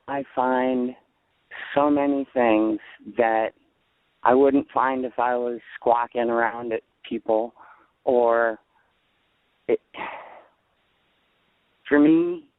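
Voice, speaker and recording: A man's voice: medium pitch, dry recording. A man calling in to a radio show, talking earnestly and bluntly about standing his ground. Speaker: caller. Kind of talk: call-in radio talk. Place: outdoors in a parking lot. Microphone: phone. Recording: tinny phone line.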